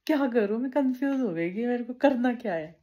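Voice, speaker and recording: Her voice is warm, though the high frequencies are cut off. Chatting in a daily vlog, this young woman addresses viewers as bhai and sometimes drops to a hush to avoid waking someone up.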